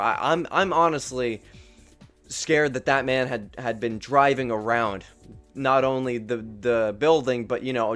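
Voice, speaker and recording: A man's voice: medium pitch, a bit bright. A young man telling a true story in a casual, rambling way, swearing and poking fun at himself. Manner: rambling, profane, self-deprecating.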